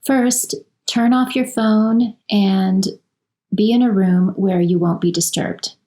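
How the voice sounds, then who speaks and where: A woman leading a guided yoga nidra relaxation, speaking in a slow, soothing and gently instructive way. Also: medium pitch, steady tone, low-quality recording. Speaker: meditation guide.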